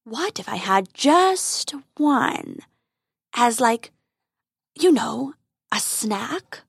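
A woman doing a booming, sulky dragon. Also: sing-song, vocal fry, husky, no echo, studio quality, exaggerated voice. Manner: booming, slow and grumbling. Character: huge grumpy male dragon, gruff and sulky.

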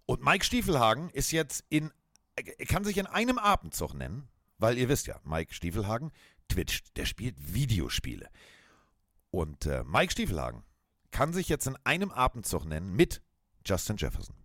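A man with a German accent co-hosting a chat podcast, telling lively anecdotes and mimicking the voices of people in them. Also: mid-range voice, moderate pace, no echo, clean studio sound. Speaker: podcast co-host. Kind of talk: casual chat, animated storytelling.

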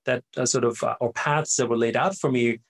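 Speaking brisk and fairly bright, with a mid-range voice and mostly even intonation, a middle-aged Austrian entrepreneur talks as an interview guest. German is his native tongue. His casual answers ramble, full of fillers and restarts, with "right?" tagged on again and again.

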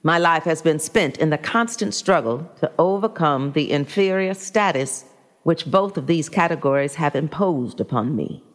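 A woman's voice: sits low, lively intonation, moderate pace, in a large hall. A woman reading as a formal, precise civil rights attorney. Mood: dignified. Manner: direct and formal with a smile in the voice. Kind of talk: reading historical testimony.

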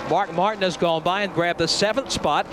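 A man's voice: high voice, fairly even intonation, moderate pace. A man calling a stock car race live as a motorsport commentator. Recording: clear vehicle noise. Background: race cars outdoors.

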